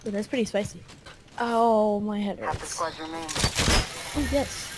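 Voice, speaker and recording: A woman's voice: mid-range voice, slow, background noise. A woman chatting playfully while gaming with friends, making jokes. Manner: playful, joking. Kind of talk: casual gaming chat.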